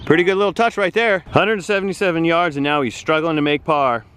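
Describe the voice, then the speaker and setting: A man's voice: a little high, quick pace, a bit bright, clean tone. A man on a golf course doing playful, teasing commentary on his friends' shots in the style of a TV golf announcer. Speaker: golf buddy and guest. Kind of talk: mock broadcast golf commentary.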